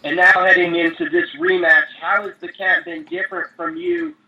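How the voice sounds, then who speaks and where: A man's voice: high voice, big pitch swings, normal speed, vocal fry. A male reporter putting questions to guests over a telephone conference line. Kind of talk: press call questioning. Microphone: telephone conference call. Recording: muffled, faintly noisy phone line.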